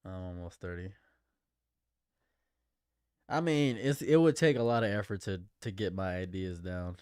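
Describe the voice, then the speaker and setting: A man's voice: low voice, a little slow, darkish tone, smooth, dry recording, clean studio sound. A man in his late twenties chatting casually on a livestream, rambling and repeating his phrases. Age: late 20s. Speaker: streamer.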